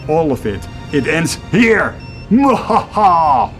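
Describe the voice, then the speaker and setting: A man's voice: a little high, lively intonation, normal speed, faint music behind, natural voice. A man playing a gloating, sarcastic villain with a theatrical, taunting delivery in a hobby film. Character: gloating, sarcastic male villain with a doomsday plot. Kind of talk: hobby convention film acting.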